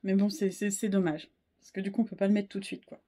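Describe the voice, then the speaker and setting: A woman in her thirties chatting casually in a knitting vlog, a little hoarse, rambling and self-deprecating, full of fillers and restarts. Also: mid-range voice, flat delivery, quick pace, mellow. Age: 30s. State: a bit hoarse, frog in the throat. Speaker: wool dyer and knitting podcaster.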